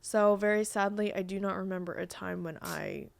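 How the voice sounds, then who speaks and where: This young woman, whose first language was Vietnamese, is a podcast guest chatting casually, full of fillers and restarts. Her voice is medium-pitched and gravelly, with a steady tone and moderate pace, in a dry recording.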